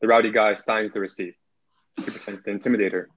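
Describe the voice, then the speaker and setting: Reading screenplay stage directions aloud, this young narrator keeps a level tone at a quick pace, his voice on the low side and a bit bright. He's calling in by video from an indoor room, and the computer mic produces muffled sound.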